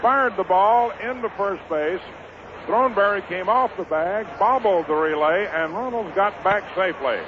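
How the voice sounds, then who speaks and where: Heard through a noisy, muffled 1950s radio feed from an outdoor park, this American man calls the baseball game in terse phrases. His voice sits high and he talks at a normal speed.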